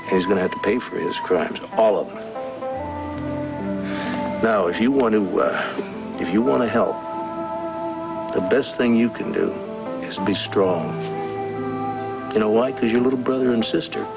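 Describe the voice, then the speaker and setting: A man's voice: lowish voice, moderate pace, gravelly, pauses often, poor audio. An actor playing a protective father who talks firmly and earnestly to his son in a soap opera. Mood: reassuring. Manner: reassuring, firm, earnest. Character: protective middle-aged father, steady and resolute. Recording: old TV soap with loud music score.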